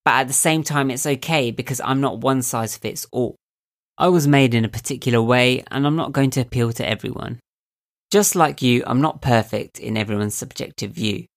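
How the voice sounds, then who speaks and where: A man's voice, nasal and a touch squeaky, sitting at an ordinary middle pitch. He talks through a reflective self-help monologue as a podcast host. He is calm and thoughtful, and he turns to the listener with easy rhetorical questions. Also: moderate pace.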